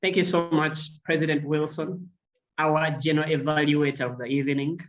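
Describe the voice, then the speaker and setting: A person serving as toastmaster of the day, introducing segments of an online meeting in an unhurried, courteous way. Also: medium pitch, steady tone, dull audio. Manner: unhurried, courteous emcee talk. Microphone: video call.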